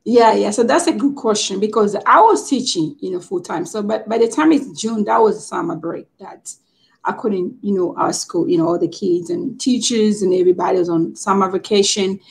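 Interviewed as a guest over video call, a middle-aged teacher from Tanzania replies warmly and casually, with easy laughter and many "you knows." She speaks at a normal speed in a gravelly, medium-pitched voice.

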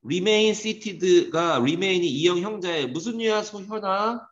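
A man teaching an English grammar lesson to a class, lively and teasing, scolding students. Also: high voice, slow pace. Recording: dull echoey classroom recording.

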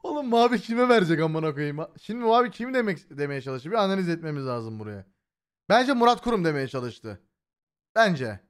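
A man's voice: on the high side, sing-song, a little fast, clean tone. A man streaming, reacting to videos in casual commentary and swearing bluntly.

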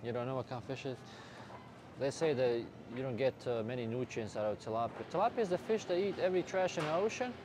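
A man's voice: mid-range voice, lively intonation, fast. Man, jokey fitness vlogger, chatting to camera, noisy store ambience behind him. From Bosnia. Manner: playful, jokey, talks to camera. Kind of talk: casual vlog chat. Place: supermarket aisles. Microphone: handheld camera, filmed by cameraman. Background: shop ambience.

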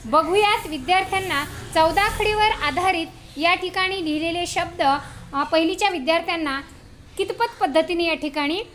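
A woman teacher running a reading game with young pupils, giving brisk directions and frequent praise. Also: extremely high pitch, fairly bright tone. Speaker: primary school teacher. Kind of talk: classroom reading game instruction. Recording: noisy outdoor recording.

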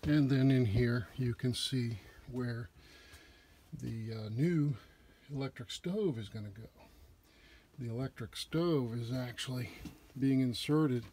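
Touring a big indoor RV repair shop, this Southern-accented guide talks through the technical jobs in a relaxed, plain way, dropping in fillers now and then. His mid-range voice is mellow and slow-paced.

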